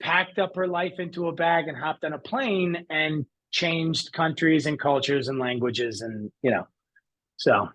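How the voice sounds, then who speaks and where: A man's voice: fairly high pitch, measured pace, a bit bright, low-quality recording. Earnest man telling a personal story. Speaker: interview guest. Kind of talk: conversational interview.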